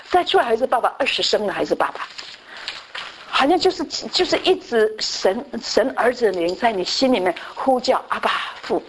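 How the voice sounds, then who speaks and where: A woman pastor with a fairly high voice teaches a Bible class in a loose, talky way. She circles back over her own phrases and keeps dropping in short affirmations. A faint hiss sits under her voice. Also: poor audio. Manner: repeats phrases, fills pauses with a steady 对.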